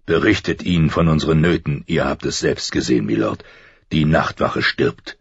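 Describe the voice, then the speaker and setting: A man voicing a stern, weary old military commander with a deep, gravelly voice. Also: normal speed, dry recording, muffled recording, full character voice.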